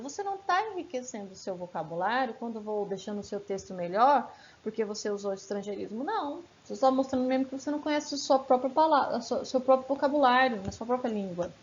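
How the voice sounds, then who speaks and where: A woman teaching a relaxed grammar lesson, dotting her speech with tag questions and rhetorical asks. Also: a little high. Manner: conversational, frequent "né" and "tá" tags, asks rhetorical questions. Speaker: Portuguese teacher. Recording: slightly muffled, faint background hiss.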